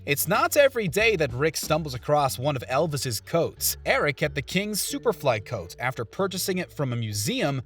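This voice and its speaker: A man reading scripted top ten countdown narration in a punchy, breezy way. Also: a little high.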